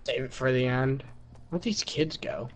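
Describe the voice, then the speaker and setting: A man's voice: medium pitch, unhurried, slight background noise. A young man in casual gaming chat, laid-back and swearing freely. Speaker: gamer.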